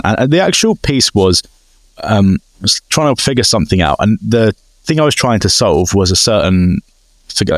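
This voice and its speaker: Man co-hosting a podcast, lively swooping pitch, acts out dialogue, very dry close sound. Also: no echo. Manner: animated storytelling, acts out exchanges. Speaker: podcast co-host. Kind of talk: casual chat.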